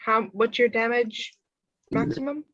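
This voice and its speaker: A woman's voice: a little high, steady tone, a little slow, fairly bright tone, no room sound. A woman talking casually as a player at a tabletop role-playing game. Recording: dull, dry lo-fi sound.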